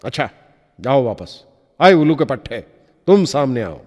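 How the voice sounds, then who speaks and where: A man voicing a gruff, bullying male railway ticket inspector who barks orders, in a recording with a long reverb. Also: medium pitch, big pitch swings, normal speed, a little mellow. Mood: bossy. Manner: barking orders.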